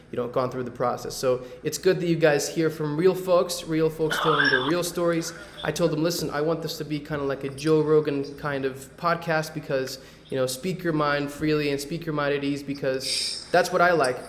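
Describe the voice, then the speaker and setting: A man from Medellín, Colombia, hosts a real estate webinar over a video call, presenting casually and loosely with many fillers and tag questions. His voice sits on the high side, the sound is roomy, and there's slight background noise.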